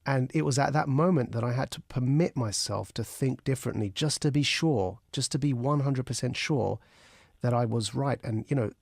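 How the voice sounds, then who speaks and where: Gravelly-voiced radio host. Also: male voice, mid-range voice, normal speed, darkish tone, no room sound, studio quality. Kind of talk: radio phone-in interview.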